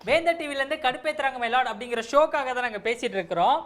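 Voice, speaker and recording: A woman hosting a TV prank show, teasing and lively. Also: high voice, very fast. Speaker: show host.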